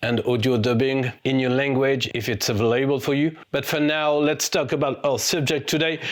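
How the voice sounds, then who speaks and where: A man from France with a French accent, speaking English as a second language, presenting a retro computer vlog with eager excitement. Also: mid-range voice. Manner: eager, excitable, non-native phrasing.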